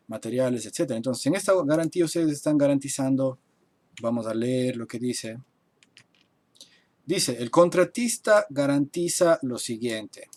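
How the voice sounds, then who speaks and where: A man teaching a live online class at his computer, explaining and translating terms slowly and step by step, with typing heard behind him. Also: medium pitch, a little mellow. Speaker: architect teaching construction English. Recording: faint noise and keyboard typing. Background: keyboard typing.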